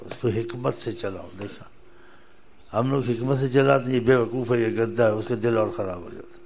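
Male preacher, gravelly voice, folksy storytelling sermon, faint hiss behind. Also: medium pitch, a little mellow. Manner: folksy, chuckling, rises to emphatic exhortation.

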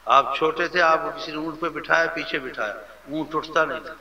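A man preaching a devotional sermon with fervent, animated delivery, sometimes mimicking how people speak to others. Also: fairly high pitch, a little hiss or hum. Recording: lo-fi recording with faint ambience.

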